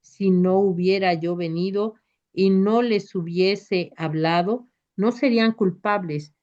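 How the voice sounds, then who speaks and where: A woman voicing Jesus as a calm, merciful male teacher who instructs gently and solemnly in a devotional reading. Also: mid-range voice, takes it slowly, close to an everyday voice. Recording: dull lo-fi recording.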